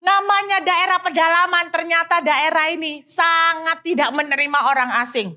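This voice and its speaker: Woman pastor, high-pitched, animated storyteller who drops in English phrases. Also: normal speed. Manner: animated, addresses the congregation often, mixes in English phrases. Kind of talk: sermon storytelling.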